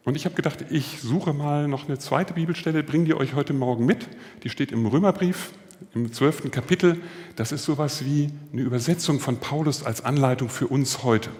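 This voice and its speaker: Male preacher, mid pitch, casual anecdotal sermon, long church-hall reverb. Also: moderate pace, darkish tone. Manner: storytelling, acting out quoted voices.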